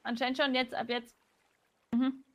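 Woman doing a touchy homeless girl in game roleplay, high voice, grumbles a lot. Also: little pitch movement, moderate pace, close to an everyday voice. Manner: distrustful, pouty complaining.

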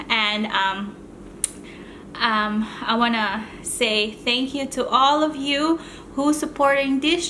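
Hosting her mukbang channel, a woman rambles in easy conversation between mouthfuls while eating on camera. Her voice sits on the high side and sounds a bit bright, and there's a little background noise.

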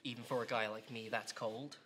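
A man in his twenties playing an unhinged, taunting criminal clown in a theatrical, drawn-out film monologue. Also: mid-range voice, fairly even intonation, pushed and bright, slight background noise, lightly acted. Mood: taunting, cold. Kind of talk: film drama monologue acting.

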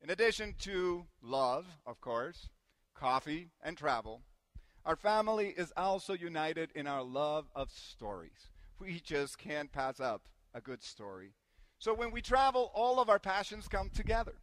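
Man, from Guatemala, sermon, storytelling, gentle humor, fairly high voice, dry close sound. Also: big pitch swings, unhurried, no room sound. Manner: warm anecdotal storytelling with gentle self-deprecating humor. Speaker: preacher.

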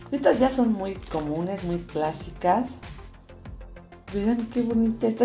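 A woman hosting a casual toy unboxing for young viewers, chatting in an expressive, excitable way full of exclamations. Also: lowish voice. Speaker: host of a toy unboxing channel. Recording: music playing behind, packaging crinkles. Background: music, crumpling and crinkling of packaging.

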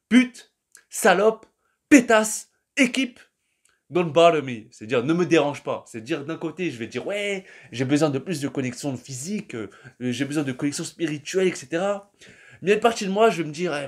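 A man's voice: mid-range voice, expressive, fairly quick. A young man, talking casually and at length to his viewers in a loose, slangy monologue that often trails off. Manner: slangy, rambling, addresses the listener as "tu". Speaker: vlogger.

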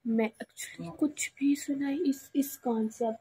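A young woman from Punjab, India, vlogging casually while unwell and short of sleep, talking quietly. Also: high voice, steady tone, slow, slight background noise. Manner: soft, subdued talk, she speaks quietly. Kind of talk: casual vlog chat.

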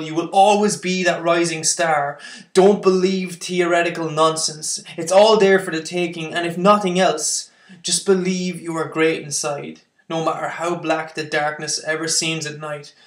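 A man's voice: fairly high pitch, fairly bright tone, echoey room. A young man performing spoken word poetry, intense and building to impassioned outbursts.

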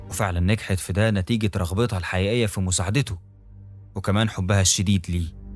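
Fast-talking Egyptian storyteller man. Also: fairly low pitch. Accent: Egyptian Arabic. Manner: steady, dramatic storytelling delivery. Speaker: narrator. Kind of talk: scripted horror storytelling. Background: soft background music.

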